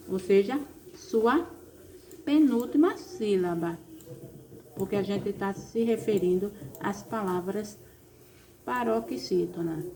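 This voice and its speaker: Slow, patient Brazilian woman teacher. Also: medium pitch, warm tone, slight background noise. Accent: Brazilian Portuguese. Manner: slow, patient, explaining step by step with "ó" and "então". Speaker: primary school teacher. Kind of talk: recorded remote class lesson.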